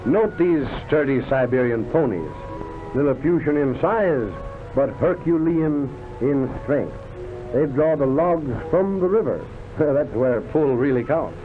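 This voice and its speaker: A man with a voice on the high side and lively intonation delivers scripted 1930s newsreel-style documentary narration at a measured pace, declamatory and florid like a showman. The recording is a tinny, band-limited vintage film soundtrack with loud background music.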